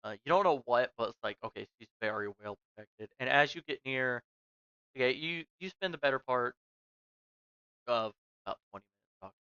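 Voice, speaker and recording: Game master narrator: clear smooth voice, improvising casually, dry and slightly dull recording. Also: mid-range voice, expressive, fairly quick, pauses often, sharp tone, dry recording.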